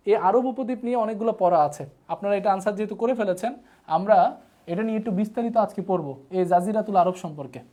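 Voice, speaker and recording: He speaks in a high, slightly mellow voice with a Bangladeshi Bengali accent. Running a live online lesson, he repeats terms as a drill and asks viewers to post comments.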